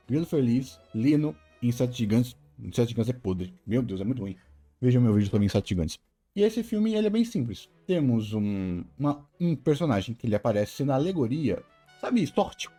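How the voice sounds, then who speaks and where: A man hosting a casual animated-film review, opinionated and given to restarting his phrases. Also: mid-range voice. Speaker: video essay host.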